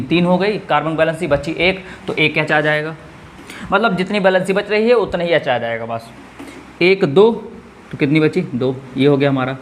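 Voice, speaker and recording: Male chemistry tutor, slightly high voice, asks and answers his own questions, faint noise behind. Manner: asks students questions and answers them himself; counts out steps one by one. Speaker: chemistry teacher. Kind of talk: classroom lesson at a board.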